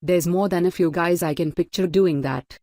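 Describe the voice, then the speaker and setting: Woman reading a cocky sarcastic teen boy, kinda lowish voice, dry sound. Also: normal speed, mellow, dry recording, close to an everyday voice. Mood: smug. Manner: sneering, sarcastic. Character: arrogant teenage boy, smug bully.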